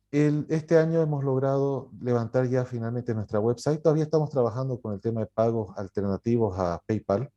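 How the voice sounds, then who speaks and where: A man's voice: medium pitch, dark tone, muffled recording. A man from Bolivia, a publisher and writer answering in an interview, telling his story with many fillers and self-corrections.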